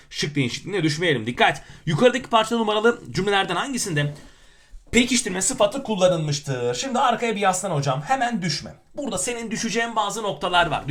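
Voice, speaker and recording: A man's voice: a little high, a bit bright. A man teaching grammar by working through exam questions, with playful self-mocking asides between emphatic explanations. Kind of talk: exam question walkthrough lesson.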